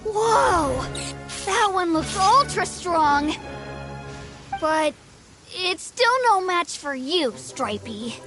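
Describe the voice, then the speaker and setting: A woman's voice: extremely high pitch, sing-song, drawn-out words, pauses often, exaggerated voice. A woman voicing an eager, stubborn little boy in a video game, childlike, innocent and earnest. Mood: awed. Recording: game music behind the voice. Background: game music.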